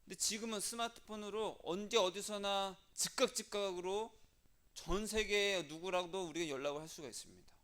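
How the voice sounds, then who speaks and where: Male pastor preaching, chatty, keeps asking the crowd questions, voice a bit on the high side. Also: moderate pace, fairly bright tone. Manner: conversational, asks the congregation questions; acts out prayers and quoted speech in a changed voice. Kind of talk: sermon.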